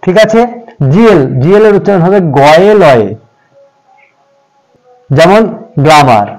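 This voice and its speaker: Lively man teaching pronunciation. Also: high-pitched, low-quality recording. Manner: patient, addresses viewers as friends, repeats examples slowly. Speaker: English teacher. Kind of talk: pronunciation lesson for beginners.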